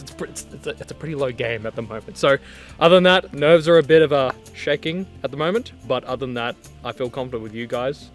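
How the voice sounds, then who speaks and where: A young Australian man speaks at a middling pitch in a casual chat to camera. He is outdoors, with faint music behind him. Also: fairly bright tone. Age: young adult. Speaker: novice off-road driver being interviewed. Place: outdoors on a forest track.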